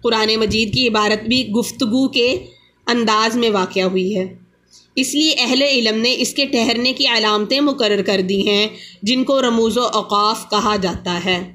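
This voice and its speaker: A woman with a fairly high voice gives a patient religious lesson on reading the Quran. She explains each rule slowly and repeats the important points. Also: a bit bright. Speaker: Quran teacher.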